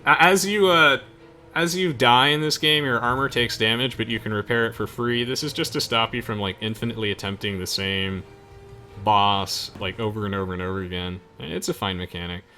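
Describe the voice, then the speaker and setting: Over video game music, a young gamer runs a let's play with relaxed, talkative commentary and slangy explanations. He speaks a little quickly in a fairly low voice that sounds pushed and bright.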